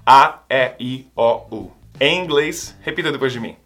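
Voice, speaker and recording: Professor brasileiro calmo e pausado. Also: male voice, medium pitch, faint music behind. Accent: Brazilian Portuguese. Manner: patient, repeats sounds slowly for the learner to copy. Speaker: English teacher. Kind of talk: language lesson.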